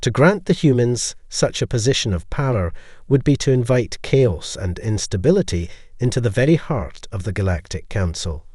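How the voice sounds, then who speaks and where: A man's voice: medium pitch, animated, normal speed, darkish tone, husky, no room sound, studio quality. A man reading the lines of an indignant, scaled male alien councillor in an audio story. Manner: indignant, blustering.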